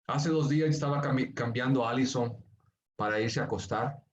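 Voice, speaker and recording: A man from Bolivia preaching as a pastor, turning from hushed, tender storytelling to emphatic pleading. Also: mid-range voice, brisk, muffled recording. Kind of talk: sermon.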